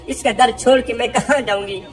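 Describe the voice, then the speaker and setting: A woman's voice: fairly high pitch, steady tone, soft background music, close to an everyday voice. A woman voicing a poor, mistreated young wife who tearfully pleads for help. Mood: pleading.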